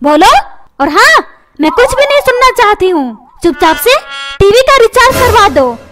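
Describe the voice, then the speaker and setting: A woman's voice: very high-pitched, sing-song, normal speed, over music. A woman voicing a dramatic, nagging cartoon mother who complains about her husband.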